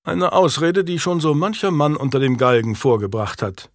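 A man's voice: fairly high pitch, expressive, normal speed, dry recording, clean studio sound. A man doing a stern medieval lord.

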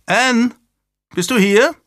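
A man's voice: big pitch swings, measured pace, dry recording, clean studio sound. A man voicing a young widowed governess in an audiobook, anxious, stern and scolding. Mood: alarmed. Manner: scolding and shrill.

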